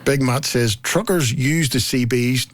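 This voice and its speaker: Speaking at a measured pace in a mid-range voice with no room sound, a middle-aged man with a Belfast accent from Northern Ireland hosts a casual chat. He reads out messages and tells jokey anecdotes, acting out people's remarks for comic effect.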